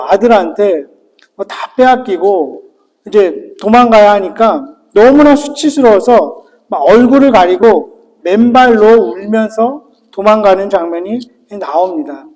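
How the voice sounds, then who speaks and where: A man's voice: high-pitched, darkish tone. Brief: male pastor delivering an earnest sermon in a church hall with a long echo. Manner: earnest, explains with questions to the congregation.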